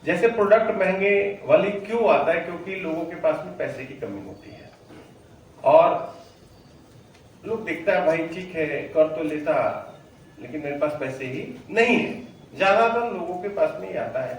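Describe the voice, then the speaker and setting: A high-pitched man leads a motivational training session from a stage and pushes his audience to shout back their answers. His voice rings through a very echoey hall and sounds a little far from the mic, with faint noise behind. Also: moderate pace. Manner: energetic, drills the audience to answer loudly. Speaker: sales trainer.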